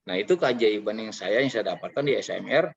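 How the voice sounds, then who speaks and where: A man tells a heartfelt personal testimony in an earnest, confessional way, pausing often on filler sounds. His voice has a gravelly, creaky edge. The recording is dull and lo-fi. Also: lowish voice, animated. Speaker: training participant sharing his experience.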